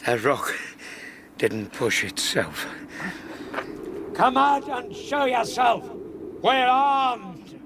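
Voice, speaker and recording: An actor playing a steady, protective doctor, reassuring yet alert and urgent, in a radio drama. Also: male voice, very high voice, drawn-out words, long pauses, background noise, heavily acted. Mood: alarmed.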